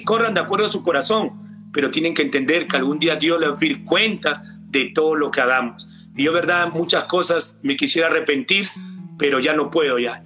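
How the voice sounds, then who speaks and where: A middle-aged man with a Peruvian Spanish accent giving an earnest faith testimony as a church cell leader, often addressing his pastor. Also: on the high side. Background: soft guitar music.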